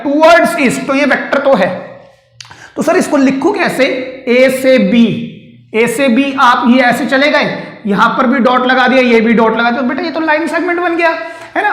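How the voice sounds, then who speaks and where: A man's voice: very high voice, a bit bright, echoey room. A man teaching maths at a board, mixing English terms into his Hindi, checking understanding and asking and answering his students' questions himself. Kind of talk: board lecture. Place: room with a board.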